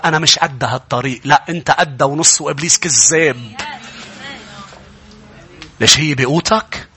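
A middle-aged man with a Lebanese accent, preaching a sermon as pastor, his voice rising into shouted, drawn-out lines. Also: medium pitch.

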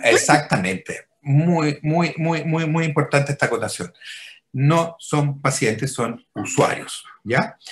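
A Chilean man, a physician, explaining his work patiently over a video call and often checking in with his listener. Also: on the high side. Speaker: physician interviewed as a guest.

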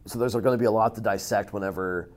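A man's voice: on the low side, steady tone, fast. A man hosting a weekly movie review radio show, chatting casually with a co-host. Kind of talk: casual chat. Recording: radio studio with faint music.

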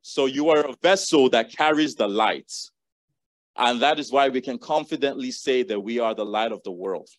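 A man's voice: medium pitch, normal speed, dry recording. A man preaching a sermon, earnestly reading and repeating scripture verses to the congregation.

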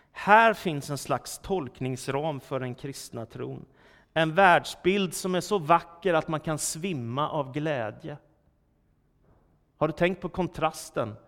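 A man's voice: on the high side, a bit bright. A man preaching a sermon, emphatic and full of rhetorical questions, his voice swelling and dropping for effect. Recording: long church-hall reverb.

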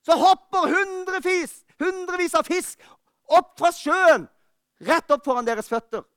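A man preaching a fervent sermon, rising to urgent calls and then dropping to quiet, personal talk. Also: very high voice, dry recording, clean studio sound. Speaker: pastor. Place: church.

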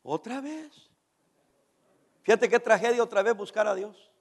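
A male pastor preaching an animated sermon, swinging from shouts down to near-whispers and acting out his church members' complaints. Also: high-pitched, measured pace, vocal fry.

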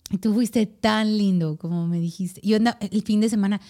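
A woman's voice: medium pitch, fairly even intonation, normal speed, dark tone. A woman with a Mexican Spanish accent, chatting casually as a podcast co-host and telling stories with lots of laughter and acted-out quotes. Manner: laughing storyteller, acts out quoted voices. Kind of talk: casual chat.

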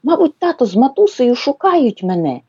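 Woman doing a squeaky wistful little bunny. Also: sing-song, moderate pace, a little mellow, slightly rough, dry recording, highs cut off, exaggerated voice. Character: timid little boy bunny seeking happiness.

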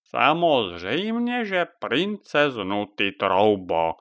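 Croaky bossy witch lady, as a man puts her on. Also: medium pitch, sing-song, a bit bright, dry recording. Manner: bossy, scolding. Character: cranky female witch on a broomstick.

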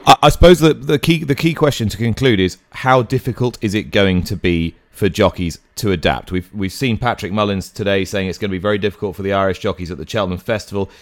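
A male sports presenter introduces guests and poses questions in a clear, scripted broadcast manner. His voice is very deep. The sound is dry and close, with no room echo. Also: quick pace, few pauses. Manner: clear, scripted link delivery. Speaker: racing presenter and interviewer.

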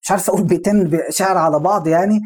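راجل مصري بيحكي بسرعة بصوت مبحوح. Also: male voice, high voice, steady tone, rapid-fire, a little mellow, slightly rough. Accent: Egyptian Arabic. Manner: conversational, asks the listener rhetorical questions. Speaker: Islamic preacher. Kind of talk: religious storytelling lesson.

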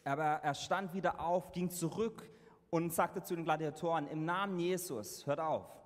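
A man interpreting a sermon live into German, halting and correcting himself as he goes. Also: on the high side. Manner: halting, with fillers and self-corrections. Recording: reverberant hall sound.

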